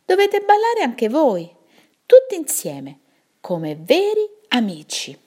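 A woman's voice: high voice, wildly swooping pitch, slow pace, mellow, pitched above the performer's own voice, full character voice. A woman voicing a wise old male owl who chuckles and patiently explains, in a children's storybook. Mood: amused.

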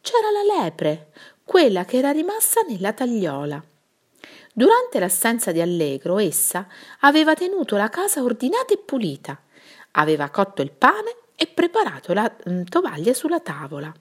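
A woman teacher reading a fairy tale aloud to children in an expressive storytelling manner. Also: on the high side, normal speed, slightly rough.

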